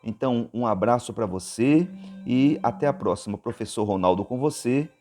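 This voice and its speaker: A man's voice: mid-range voice, moderate pace, warm tone, soft background music. A man with a Brazilian Portuguese accent, teaching English grammar. He talks patiently, repeats his points and keeps checking in with the viewer. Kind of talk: explaining grammar on a board.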